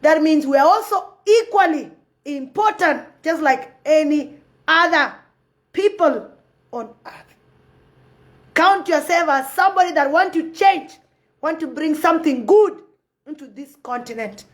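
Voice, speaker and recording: A woman's voice: high voice, expressive, a little slow. A woman from Sudan, giving passionate, preachy commentary on a live phone video and repeating her points. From South Sudan. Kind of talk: impassioned live-stream commentary.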